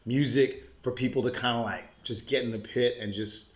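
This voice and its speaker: A mid-pitched man from Puerto Rico who grew up in New York chats loosely as a podcast guest, his intonation fairly even and his pace moderate. Laid-back, he laughs often and leans heavily on "like" and "you know" in this casual interview, recorded with a roomy echo.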